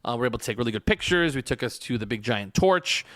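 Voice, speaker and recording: A man hosting a casual podcast, telling stories in a rambling, excitable way with lots of restarts. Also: mid-range voice, fast talker, dry recording, studio quality. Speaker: podcast host.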